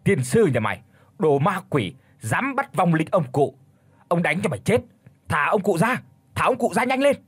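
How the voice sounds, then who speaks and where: A man voicing a crafty young servant who shouts curses and then tells a made-up tale. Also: medium pitch, very animated, moderate pace, slightly rough, no room sound. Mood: shouting.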